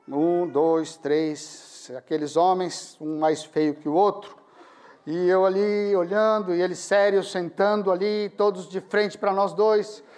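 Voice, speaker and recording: High-voiced pastor telling a story. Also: male voice, slow pace, clear, resonant tone. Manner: animated storyteller, laughing at his own story. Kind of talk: sermon storytelling.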